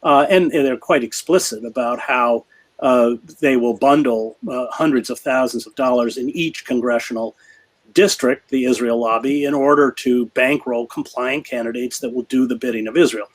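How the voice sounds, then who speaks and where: A journalist appears as a guest, answering an interviewer's questions in a grave, measured manner full of fillers and restarts. His voice is medium-pitched, and the recording quality is low.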